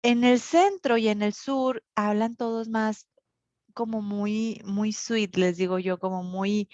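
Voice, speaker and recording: A woman's voice: mid-range voice, steady tone, slow pace, a little mellow, no room sound. A woman teacher from northern Mexico with a Monterrey accent, lecturing an online class and explaining with many fillers and tag questions. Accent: Monterrey Mexican Spanish. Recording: dull, lo-fi recording.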